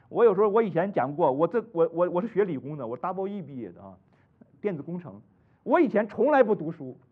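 A man from China preaching a sermon, full of rhetorical questions, swinging between loud exclamations and hushed asides. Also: sits high. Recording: tinny phone-like recording.

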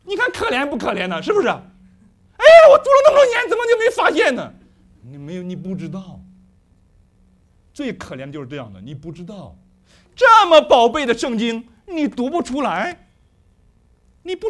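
A middle-aged man preaching with a high voice. His pitch leaps and swoops as he keeps questioning the congregation in a lively way. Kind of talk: sermon.

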